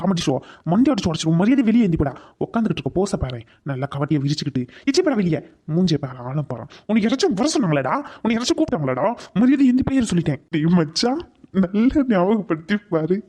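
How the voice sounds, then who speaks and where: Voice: mid-range voice, mellow. A performer voicing a sarcastic young man in a cartoon who teases and threatens his friend. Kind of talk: cartoon voice acting.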